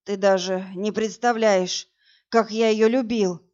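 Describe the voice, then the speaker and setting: A woman voicing a hoarse dying young man. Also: medium pitch, fairly even intonation, darkish tone, close to an everyday voice. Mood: dying, urgent. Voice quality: hoarse, whispering. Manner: slow, halting. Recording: dull lo-fi audiobook recording.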